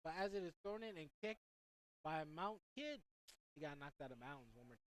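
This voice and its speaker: A man's voice: on the high side, lively intonation, moderate pace. Rambling teenage boy calling soccer. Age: teens. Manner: chatty, rambling asides to listeners. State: out of breath. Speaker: student sports commentator. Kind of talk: excitable play-by-play commentary.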